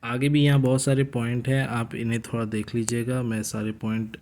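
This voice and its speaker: A young man teaching from study notes in a casual lecture style, explaining at a conversational pace and slowing down to read English lines. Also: mid-range voice, little pitch movement, a little mellow.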